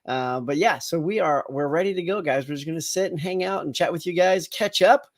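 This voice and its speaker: Talking fairly quickly in a fairly high-pitched voice, a slightly congested middle-aged man runs a casual live morning chat with his viewers. He's chatty and rambling, full of fillers and frequent restarts.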